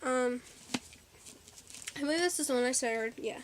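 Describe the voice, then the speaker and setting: A woman's voice: high voice, normal speed, a little hiss or hum. A teenage girl chatting in a casual haul vlog, bubbly and a little out of breath, with lots of ums and likes. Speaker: vlogger.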